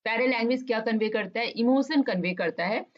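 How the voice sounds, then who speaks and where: Lady teaching an exam lesson, bit high voice, reads the bits slow, dull lo-fi sound. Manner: mixes Hindi and English, reads English answers slowly and deliberately. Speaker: online lecturer. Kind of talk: exam-focused lecture.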